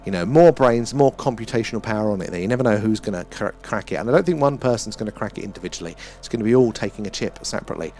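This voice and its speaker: Very fast and barely pausing, a British livestream host speaks in a fairly low, mellow, animated voice. He rambles and muses casually, getting loosely philosophical and swearing mildly now and then.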